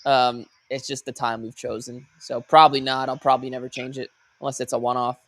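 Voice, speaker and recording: A man's voice: mid-range voice, little pitch movement, fairly bright tone, no echo. A man hosting a call-in show, chatting casually and informally with callers, often restarting his sentences. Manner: halting, informal, with repeated false starts. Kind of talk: casual unscripted chat with callers.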